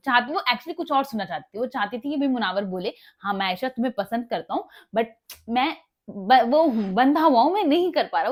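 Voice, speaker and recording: Chatty woman recapping, fairly high voice. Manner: retells arguments in quoted dialogue, mixing Hindi and English, many fillers. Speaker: show recap vlogger. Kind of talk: casual spoken recap.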